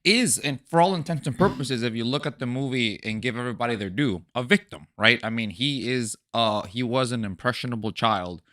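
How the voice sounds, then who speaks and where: A man's voice: mid-range voice, a little fast, few pauses, a bit bright. A man giving his thoughts on a casual podcast, rambling and hesitant as he searches for words. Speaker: podcast guest.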